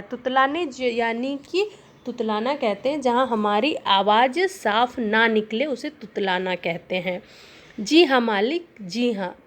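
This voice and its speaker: A woman teacher giving a literature lesson, explaining words slowly and repeating phrases, asking the class questions. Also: a little high.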